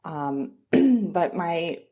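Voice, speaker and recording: Once more the Southern California immigration attorney, middle-aged, warmly relates her story during a conversational interview, restarting often. This time her lowish voice is lively in intonation but very slow.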